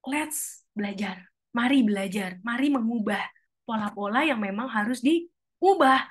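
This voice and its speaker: Woman chatting to a church group, slightly high voice, acts out quotes. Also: lively intonation, unhurried, slightly rough. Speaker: speaker at a church couples' fellowship. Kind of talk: casual talk to a church group.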